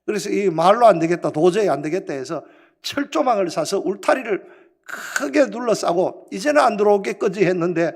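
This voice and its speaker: Animated, gravelly-voiced male pastor. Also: high voice, fairly quick. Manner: storytelling, emphatic, animated. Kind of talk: sermon. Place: church sanctuary.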